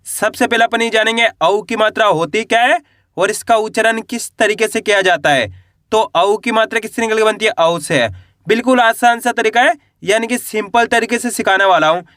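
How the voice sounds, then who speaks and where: Man teaching reading, high voice, dry close sound, slow syllable drills, asks and answers himself. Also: fairly bright tone, no echo. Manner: asks a question, then answers it himself, often dropping low on the answer word; slow, drawn-out syllable spelling. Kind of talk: online lesson, call and answer drills.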